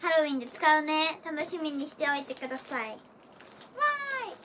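A teenage woman chatting casually on a livestream, excitable and giggly, with playful gyaru-style slang and silly sound effects. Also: sits high, quick pace. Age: teens. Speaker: idol livestreamer. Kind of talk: casual livestream chat, showing gifts. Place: small decorated room indoors. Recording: faint background noise.

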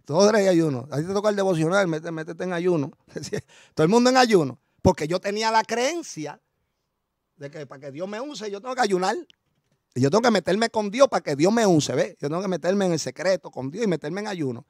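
A middle-aged Puerto Rican pastor preaching an animated, story-filled sermon to his congregation. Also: high voice, a little fast, no room sound, studio quality.

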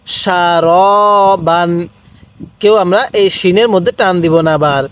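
A Bangladeshi Bengali-accented man teaching Quran reading, spelling letters out and then stretching each word slowly for students to repeat. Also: high-pitched. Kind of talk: step-by-step reading lesson.

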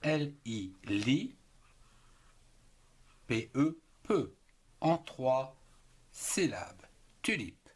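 A man teaching reading and writing, spelling words letter by letter and splitting them into syllables in a deliberate teacherly way. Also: mid-range voice, sing-song, slightly rough. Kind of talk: slow spelling and syllable lesson.

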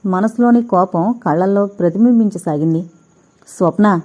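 Warm, mellow-voiced woman narrating. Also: medium pitch, moderate pace. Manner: steady, expressive storytelling. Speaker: audiobook narrator. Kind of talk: scripted narration of a novel. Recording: dull lo-fi recording.

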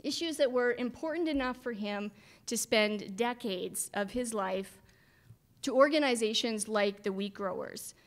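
A middle-aged woman speaks from a podium microphone in a hotel conference room. She delivers a conference speech with a lively manner and wry little asides. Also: a little high. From Canada. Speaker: farm association director.

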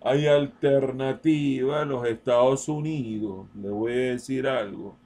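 Male commentator, very slow measured delivery, insistent and repetitive, mid pitch. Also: mellow. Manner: slow, deliberate, repeats points emphatically; addresses listener directly, insistent. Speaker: political commentator. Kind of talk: open-letter political monologue.

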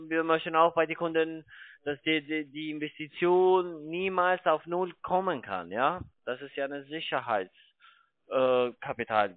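A higher-voiced call centre salesman pitches investments over the phone, speaking German as a non-native. He's wordy and repetitive, stumbling over his phrasing. The telephone audio is thin, band-limited and dry, with no room sound.

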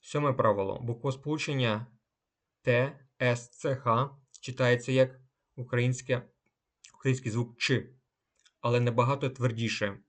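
A man teaching pronunciation rules, talking slowly and deliberately, with a pause after each word and example. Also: medium pitch, steady tone. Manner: slow and deliberate, pausing between words and examples. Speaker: language teacher. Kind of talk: instructional explanation of German pronunciation rules.

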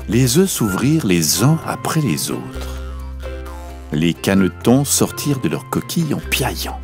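A man narrating a children's story, slow and melodic. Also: fairly low pitch, creaky.

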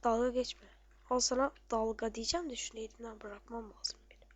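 A woman giving casual, excitable commentary on her own gameplay, muttering to herself and shouting at enemies. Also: on the high side, fairly quick.

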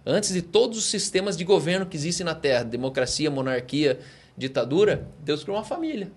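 A man's voice: fairly high pitch, very animated, brisk, husky. A man with a Brazilian Portuguese accent, a pastor and podcast guest, explaining his views with emphatic rhetorical questions. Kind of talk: conversational preaching.

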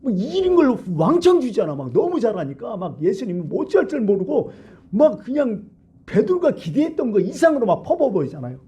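A man's voice: very high voice, very animated, brisk, dark tone, slightly rough, highs cut off. A middle-aged male pastor giving a conversational sermon in a church, asking the congregation questions and acting out quoted lines. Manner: conversational preaching with rhetorical questions and acted-out quotes. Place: church sanctuary.

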